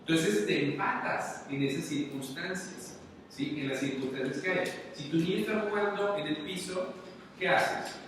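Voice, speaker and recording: A man with a Mexican accent and a fairly high voice delivers a motivational lecture at a moderate pace in a large conference hall, chatting with the audience and constantly asking them questions. The conference speaker sounds distant in the very echoey hall, with faint noise.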